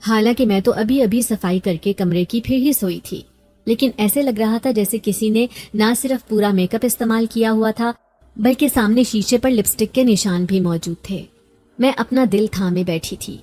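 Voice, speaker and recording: A woman narrating a first-person horror story in a steady, suspenseful way. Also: fairly high pitch, faint music behind.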